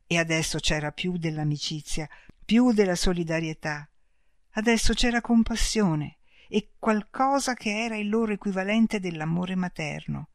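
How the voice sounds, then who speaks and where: A narrator reading a story in a calm, measured audiobook style. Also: mid-range voice, dry recording, studio quality.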